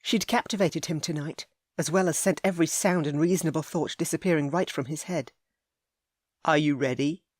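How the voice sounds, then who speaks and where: Woman audiobook narrator, low and soft, intimate romance read, dry sound. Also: brisk, few pauses, no echo.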